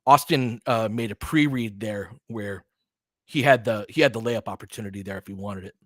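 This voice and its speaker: This man speaks at an ordinary pace in a fairly low voice, giving fan-style basketball commentary that's laid-back and full of opinions. He talks conversationally with his audience between plays, addressing chat commenters by name, and there's no audible room sound.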